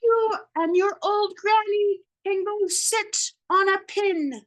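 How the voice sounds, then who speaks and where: A woman voicing a rude, dismissive little male pig in a storybook read-aloud, shouting curt replies. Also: very high voice, steady tone, slow, voice pushed up. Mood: snippy. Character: rude smart-mouthed male pig, small.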